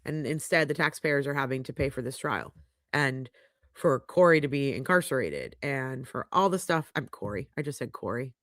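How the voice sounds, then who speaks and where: Her pitch sits extremely low, yet she's expressive, moving at a moderate pace with a slightly bright tone. She's a middle-aged woman, congested and sniffly, casually hosting a livestream and reading viewers' comments aloud with frank chatter. The studio mic in her home podcast studio captures studio-quality sound with no room noise.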